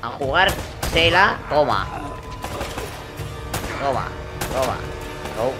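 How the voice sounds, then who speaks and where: A man casually commenting on a video game he is playing, excitable and swearing, talking to himself. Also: mid-range voice, extremely slow. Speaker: gameplay commentator. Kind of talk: casual let's-play commentary. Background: game music and gunfire.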